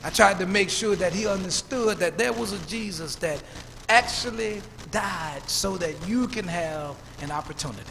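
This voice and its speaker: High-voiced pastor preaching in a hall. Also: male voice, gravelly, bright, forceful tone. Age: 50s. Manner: preacherly storytelling, repeats words when building up. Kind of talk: sermon. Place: church. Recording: church hall reverb, faint room noise.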